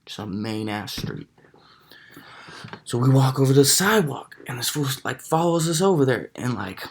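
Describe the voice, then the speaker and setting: A young man tells a story in a loose, slang-filled way, swearing freely. His voice has a gravelly fry and his pitch swings widely as he talks. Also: normal speed, a little hiss or hum. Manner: animated, slang-heavy, swearing. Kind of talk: casual storytelling.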